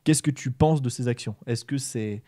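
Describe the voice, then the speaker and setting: A man's voice: mid-range voice, normal speed, dark tone, dry recording, clean studio sound. A young man co-hosting a casual discussion, asking questions into a handheld mic with hesitant fillers. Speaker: co-host.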